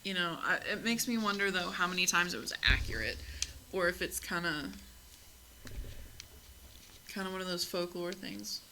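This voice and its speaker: A woman's voice: on the low side, moderate pace, long pauses, sharp tone, a little hiss or hum, rough recording. A woman co-hosting a podcast in casual chat, laughing often, swearing freely and rambling between topics into a close mic. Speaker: podcast co-host.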